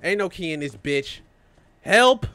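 A young man giving profane, excitable let's-play commentary while talking back to the game's characters. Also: on the high side, moderate pace, no echo. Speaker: gamer playing a horror game.

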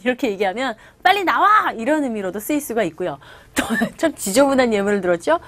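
A woman with a high, very animated voice gives an English lesson for Korean learners, acting out quotes in playful voices. The sound is dry and close, with no room around her. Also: no room sound. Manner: lively, acts out quotes with playful voices and laughs. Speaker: English teacher. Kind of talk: video lecture on English through film.

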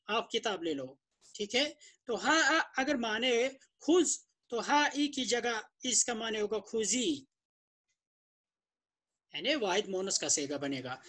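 A man's voice: sits high, a bit bright. Male Arabic teacher, lesson delivery, repetitive drilling with English glosses, emphatic. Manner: repeats and drills terms, glosses them in English. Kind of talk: classroom-style lesson explanation.

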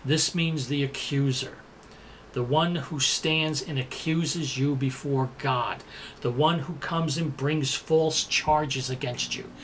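A man's voice: on the high side, fairly even intonation, slow, a bit bright. Man preaching a sermon, faint room noise. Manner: explains Greek words, repeats the verse for emphasis. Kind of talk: sermon teaching.

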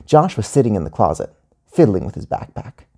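A male teacher reading his own children's story aloud in an animated, friendly storytelling manner. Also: on the low side, fairly quick, gravelly, breathy edge.

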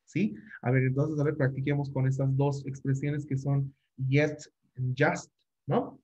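A man's voice: medium pitch, little pitch movement, unhurried, warm tone, highs cut off. A man teaching an online English class in Spanish. He is patient, repeats each phrase and keeps checking with the students.

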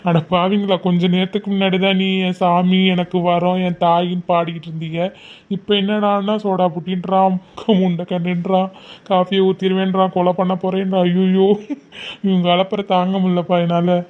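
A man's voice: sits high, level tone, moderate pace, close to an everyday voice. A man playing a cheerful, joking uncle who coaxes the family in a web series. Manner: cheerful, coaxing, jokey. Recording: muffled lo-fi recording.

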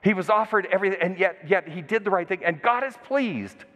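A male pastor preaching a sermon and retelling a Bible story in a conversational, animated way. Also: high-pitched, fairly quick. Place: church sanctuary. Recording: dull recording with long church reverb.

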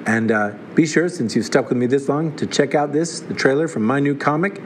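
A man's voice: mid-range voice, brisk, a little hiss or hum. Man hosting a wry comedic review. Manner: wry, sarcastic asides. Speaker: host reviewing a TV series.

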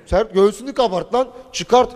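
A man's voice: high voice, moderate pace, a little mellow. Bossy teasing man in a reverberant hall. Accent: Istanbul Turkish. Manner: bossy, teasing, repeats short commands. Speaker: comic host filming in a restaurant. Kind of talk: loud joking street banter.

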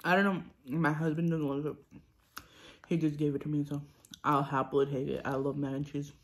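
A woman's voice: deep voice, flat delivery, a little fast. A young woman vlogger chatting casually between bites of food, rambling with ums and restarts. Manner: talks between bites, chewing and sipping. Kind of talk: casual mukbang chat while eating.

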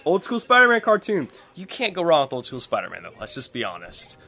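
Fairly high and wildly swooping in pitch, this young man's bright, forceful voice moves at a quick pace. He's a vlogger chatting and joking through a handheld tour of a house basement and a snowy night street, filming at arm's length.

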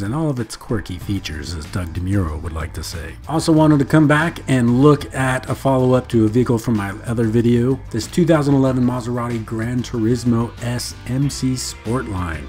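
A man with a medium-pitched voice hosts a casual car vlog, chatting in an upbeat way as he scrolls through auction listings. He reads bits of the listing notes aloud between his own remarks. Faint guitar music plays behind him. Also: darkish tone. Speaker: car vlogger. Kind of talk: casual screen-recording commentary.

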